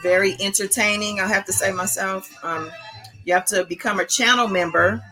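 A woman's voice: medium pitch, steady tone, normal speed, bright, forceful tone, soft background music, poor audio. A woman hosting an online channel, giving casual, chatty commentary to her viewers. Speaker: host of an online spiritual channel.

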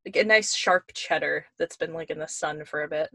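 A woman's voice: low-pitched, normal speed, vocal fry, a bit bright, no echo. A woman co-hosting a podcast over a video call, chatting casually while tasting snacks and often repeating her words as she talks. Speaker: podcast co-host.

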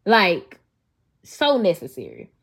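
A woman's voice: lowish voice, huge pitch swings, slow pace, creaky, fairly bright tone, breathy edge. Earnest woman sharing her faith journey. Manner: earnest, addresses listeners as "y'all", many restarts. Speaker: podcast host. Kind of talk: faith-based personal talk.

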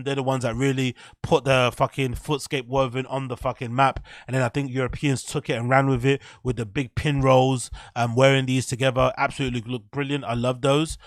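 A man speaks casually, reviewing items off the cuff. His pitch sits in the middle of the male range. He is blunt, slangy and free with swearing, and the recording is dry with very little room sound. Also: no echo. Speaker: sneaker reviewer. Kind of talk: casual unscripted commentary.

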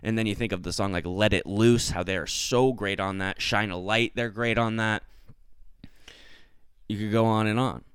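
A young man hosting a podcast, chatting casually and enthusiastically with quick asides and the odd swear. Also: lowish voice, fairly even intonation, fairly bright tone, smooth, no room sound, studio quality. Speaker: podcast host. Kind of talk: casual chat.

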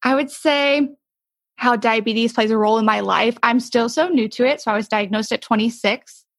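Woman, late twenties, fairly high voice, casual interview guest, dry sound. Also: normal speed, no echo. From United States. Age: late 20s.

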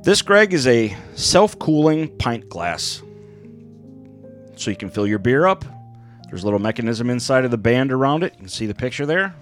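A man's voice: medium pitch, sing-song, moderate pace, soft background music. A man chatting casually and irreverently as a podcast co-host. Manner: irreverent, sweary. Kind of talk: casual banter.

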